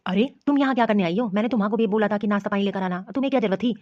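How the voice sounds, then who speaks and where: A woman's voice: mid-range voice, very fast, no room sound, natural voice. A woman voicing a bossy young man. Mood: scolding. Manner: bossy, dismissive. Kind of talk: animated cartoon dubbing. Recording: dry, dull lo-fi audio.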